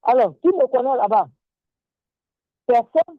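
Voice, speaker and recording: A woman's voice: a little high, animated, measured pace, no room sound. A woman with an Ivorian French accent giving impassioned political commentary, indignant and emphatic, hammering her points by repeating them. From Côte d'Ivoire. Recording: dry, tinny phone-like line.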